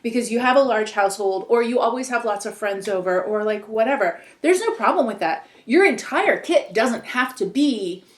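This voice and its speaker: A woman co-hosting a podcast talks in a loose, rambling way, full of "like" and "whatever." Her voice sits a little high. The room is echoey. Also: lively intonation, moderate pace, few pauses. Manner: chatty, rambling, lots of "like" and "whatever". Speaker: podcast co-host. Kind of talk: casual chat.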